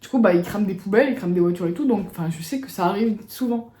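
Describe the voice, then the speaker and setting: A woman's voice: mid-range voice, rapid-fire, dark tone. A woman vlogger telling a story in a casual, slangy, rambling way. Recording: roomy echo.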